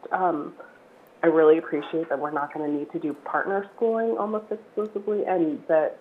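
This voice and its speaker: A woman with a croaky voice commenting appreciatively and haltingly at a public meeting, joining remotely from home. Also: sits low. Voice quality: croaky, odd-sounding voice. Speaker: board member joining remotely. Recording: tinny remote call, noisy.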